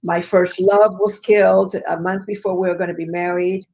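A woman's voice: lowish voice, flat delivery, moderate pace, mellow, poor audio. A woman from Chile, a guest in an interview, telling her life story in an earnest, emphatic way with frequent fillers. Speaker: guest, business educator.

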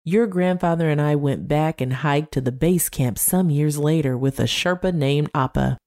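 A woman's voice: low-pitched, moderate pace, darkish tone. Brief: flamboyant old fellow, sing-song delivery, as a woman narrator puts him on. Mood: reminiscing. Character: older man, flamboyant, sing-song storyteller.

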